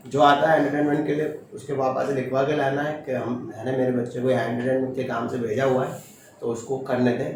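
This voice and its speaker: A man teaching chemistry to a class in a firm, strict manner, often checking with short questions. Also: medium pitch. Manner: firm, stern, quizzes students with short questions. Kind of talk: classroom lecture. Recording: echoey classroom from far off, noisy.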